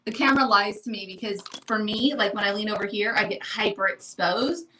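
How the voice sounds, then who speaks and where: A woman's voice: medium pitch, fairly quick, a little hiss or hum, poor audio. A woman in her thirties chatting candidly and animatedly on a home livestream, talking at a mirror by a window. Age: 30s. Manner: candid and animated, talks over others. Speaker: livestream co-host. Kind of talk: casual livestream chat.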